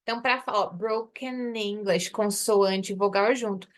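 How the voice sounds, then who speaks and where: A woman's voice: medium pitch, steady tone, moderate pace. A woman teaching an English lesson online, explaining patiently and repeating phrases to drill pronunciation.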